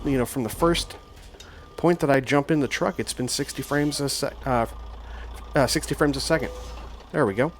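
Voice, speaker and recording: A man's voice: mid-range voice, slight background noise. Rambling man narrating truck gameplay. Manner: rambling, with frequent fillers and restarts. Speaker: gaming channel host. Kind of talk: casual gameplay commentary.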